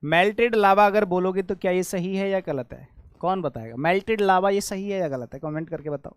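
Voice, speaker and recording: A man's voice: high voice, brisk, clear, resonant tone, no echo. A man with an Indian accent teaching an English grammar lesson in Hindi, quizzing his students with repeated questions as he explains each word.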